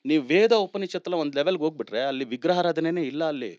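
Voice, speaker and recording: A man's voice: fairly high pitch, fast, a little mellow, no echo, dull audio. A man explaining numerology as a guest on a talk show, speaking animatedly, laughing often and mixing in English words. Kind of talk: conversational explanation.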